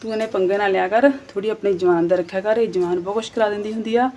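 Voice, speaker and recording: A woman's voice: mid-range voice, fairly even intonation, rapid-fire, dark tone, a little hiss or hum. A woman in her thirties from Punjab with a Punjabi accent, talking casually to her vlog viewers in a plain-spoken, scolding way. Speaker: vlogger.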